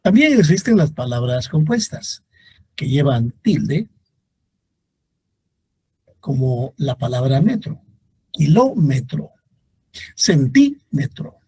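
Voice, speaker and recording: A male teacher giving a classroom grammar lecture, reading out example words slowly and deliberately and speaking directly to his students. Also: mid-range voice, sing-song, dark tone, slightly rough, no room sound.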